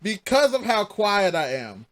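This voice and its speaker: A man's voice: sits high, sing-song, a little slow. A man co-hosting a podcast, talking bluntly with lots of swearing and stop-start restarts. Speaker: podcast co-host. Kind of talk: casual chat.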